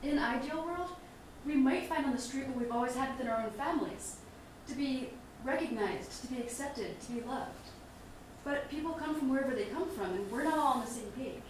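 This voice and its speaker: An actress playing a calm, reflective partner speaking to her partner's family. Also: high voice, natural voice. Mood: earnest. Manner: measured, reflective. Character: calm thoughtful partner of the daughter, outsider at dinner. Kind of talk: film drama dialogue. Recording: roomy distant mic, faint hiss.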